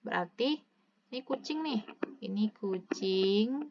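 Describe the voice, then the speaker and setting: A woman teacher talks through a recorded lesson at an even, mid-height pitch. She slows right down to read example sentences aloud, then drops back into casual, chatty asides. The audio is slightly dull and lo-fi. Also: a little hiss or hum. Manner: stretches words slowly when demonstrating intonation. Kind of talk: recorded online lecture.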